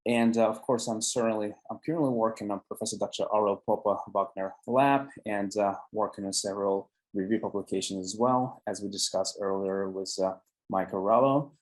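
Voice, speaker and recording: Young male student presenter, lowish voice, halting delivery over a video call. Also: steady tone, poor audio. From Finland. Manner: hesitant, many fillers and restarts. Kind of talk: academic paper presentation.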